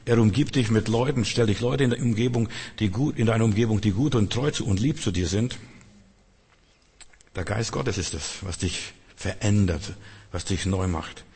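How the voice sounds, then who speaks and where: Male preacher, low husky voice, earnest sermon, long hall reverb. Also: moderate pace. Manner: earnest, acts out quotes, drops to soft tones.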